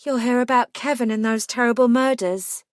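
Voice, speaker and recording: A woman voicing a gentle young cafe worker and nursing student with a faint London accent, speaking softly and earnestly. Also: a little high, moderate pace, no room sound, studio quality, voice pushed up, close to an everyday voice. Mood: anxious.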